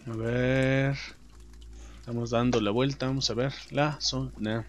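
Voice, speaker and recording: A young adult man with a Mexican accent, commenting on his own gameplay in slangy, swearing chatter, shouting and taunting enemies. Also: mid-range voice, steady tone, a little slow. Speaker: gameplay streamer. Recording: music playing behind the voice.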